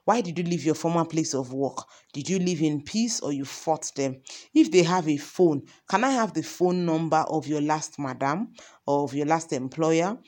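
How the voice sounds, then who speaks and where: Woman teaching a chatty, relaxed lesson. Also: deep voice, moderate pace. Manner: conversational, asks many example questions, frequent ums and you knows. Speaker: parenting course teacher. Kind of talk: informal lesson.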